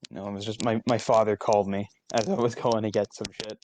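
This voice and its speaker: A man's voice: lowish voice, flat delivery, brisk, noisy background. A man hosting a live fan fiction reading contest, casual and joking, swearing freely.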